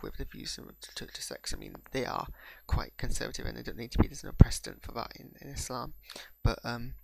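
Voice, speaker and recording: A young English man with a mixed Bradford and Pakistani accent gives a hesitant, unscripted reaction review as a video reviewer, often repeating words while he gathers his thoughts. His mid-range voice has vocal fry and a darkish tone, and the recording is dry.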